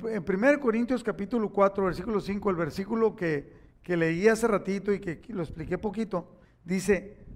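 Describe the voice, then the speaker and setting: A preacher in middle age with a high-pitched voice. He delivers a sermon in a storytelling way, acting out the people in his anecdotes and then pressing his listeners with urgent questions. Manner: storytelling preacher, acts out quoted voices, rising to emphatic exhortation. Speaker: pastor.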